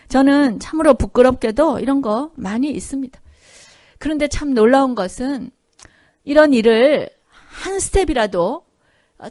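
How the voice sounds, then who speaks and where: Speaking a little high with a darkish tone, this woman gives a Korean sermon in a church sanctuary. She preaches conversationally, regularly checking in with "그죠?" and "예?" and voicing the characters in her story. The recording is dry and of studio quality.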